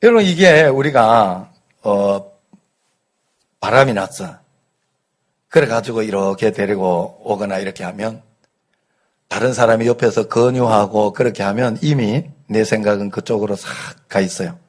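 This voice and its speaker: A middle-aged pastor with a light Gyeongsang accent, preaching a conversational Sunday sermon, telling folksy stories and asking the congregation rhetorical questions. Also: male voice, on the low side, measured pace. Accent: light Gyeongsang dialect. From Gyeongsang region, South Korea.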